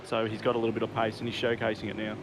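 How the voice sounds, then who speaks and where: A man's voice: fairly low pitch, completely flat delivery, racing. A man giving casual motorsport commentary as co-commentator on a sim race. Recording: constant car engine noise. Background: race cars and engine noise.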